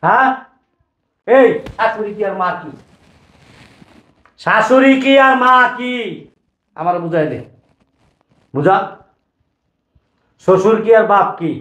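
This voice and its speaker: Man acting as a stern old father-in-law, high-pitched commanding voice, echoey room. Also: unhurried, long pauses. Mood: angry. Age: older. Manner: scolding, commanding, hushes. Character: stern older father-in-law scolding a greedy son-in-law. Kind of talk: web drama acting.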